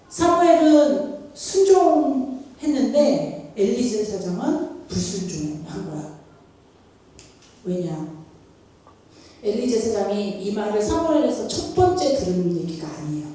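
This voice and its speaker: A woman's voice: mid-range voice, warm tone. A woman giving a youth sermon, conversational, asking her listeners questions and mixing casual and polite speech. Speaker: youth pastor. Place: church sanctuary. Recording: echoey church hall from far off.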